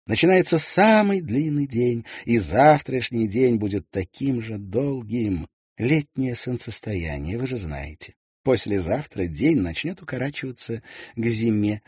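Spirited proud young woman, read by a male narrator, high and animated, dry close sound. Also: husky, no room sound, exaggerated voice. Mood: bright. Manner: raised, lively, teasing.

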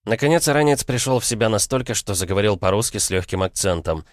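Low-voiced man reading an audiobook. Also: animated, fast talker, no room sound, clean studio sound. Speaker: audiobook narrator. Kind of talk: scripted fiction narration.

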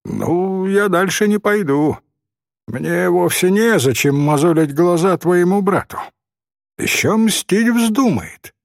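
A man's voice: high-pitched, lively intonation, slow, gravelly, no echo, studio quality, pitched above the performer's own voice, exaggerated voice. A man reading a story voices a small, self-important boy messenger who talks in a stern, know-it-all way. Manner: pompous, sententious.

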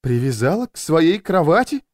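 A man's voice: fairly high pitch, sing-song, normal speed, darkish tone, voice pushed up. A man voicing a shocked, indignant wife who speaks in a scandalized tone.

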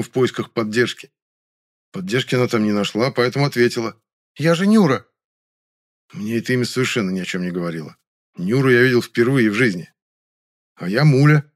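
Male audiobook narrator, slightly low voice, measured and wry. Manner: measured, ironic storytelling.

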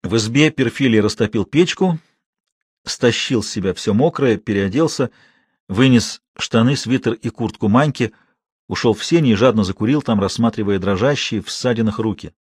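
A man reading a novel aloud in measured, steady scripted narration. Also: mid-range voice, slightly rough, no echo, clean studio sound. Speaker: audiobook narrator.

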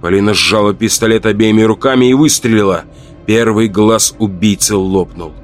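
A man narrates a horror audiobook in a low voice with measured, dramatic pacing. Faint music plays underneath his reading.

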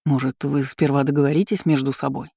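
A reader gives voice to an anxious young lord who asks nervous, conciliatory questions, in a soft, mellow tone. The audiobook recording is dry. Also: medium pitch, level tone, fairly quick, gravelly, husky, no echo.

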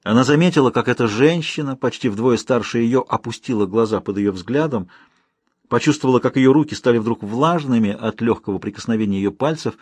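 A man narrating an audiobook in a measured, expressive reading style. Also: medium pitch, slightly rough, no echo. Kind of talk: scripted literary narration.

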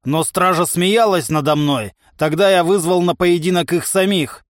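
A man voicing a pompous, boastful giant of a prisoner who declaims slowly and grandly, his sulky dignity never slipping. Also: high voice, no room sound, pitched above the performer's own voice, lightly acted. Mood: grandiose. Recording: dry close studio sound.

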